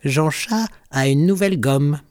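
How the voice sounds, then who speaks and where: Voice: mid-range voice, very animated, moderate pace, voice pushed up. A storyteller voicing a grumbling, reproachful boy kitten in a storybook. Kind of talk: storybook reading.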